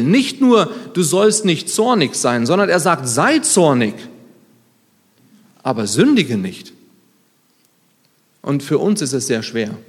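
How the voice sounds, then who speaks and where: A fairly high-voiced man in his thirties preaches a conversational sermon with self-deprecating asides. His delivery swings from loud emphasis to hushed, low lines. A long hall reverb trails each phrase. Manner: lively, shifts between loud emphatic and quiet low lines.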